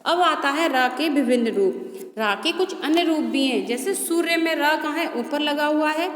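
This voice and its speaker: A woman's voice: high-pitched, fairly bright tone. A woman teacher giving a grammar lesson to children, patiently asking questions and answering them herself. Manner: slow, patient, asks and answers own questions. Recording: echoey roomy hall sound.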